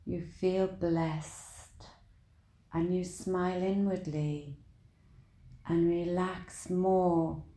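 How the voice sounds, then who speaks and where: A woman leading a guided meditation in a soothing, deliberate manner, with long pauses between short phrases. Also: lowish voice, flat delivery, warm tone, echoey room.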